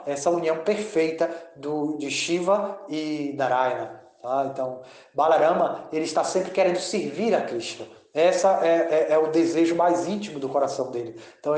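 A man giving a devotional audio talk as a spiritual teacher, speaking haltingly and drawing out chanted mantras. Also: fairly high pitch, darkish tone, echoey room.

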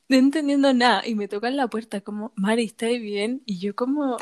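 A woman's voice: high-pitched, moderate pace. A young woman with a Chilean accent, chatting casually and telling a story full of slang and laughter. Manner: lively storytelling with heavy slang, often laughing. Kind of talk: casual chat.

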